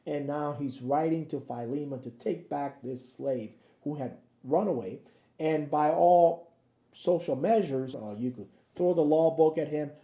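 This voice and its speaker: Mellow-voiced pastor in an echoey room. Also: male voice, fairly high pitch, a little slow. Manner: conversational, keeps checking in with "okay?" and "right?". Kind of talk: daily devotional Bible talk to camera.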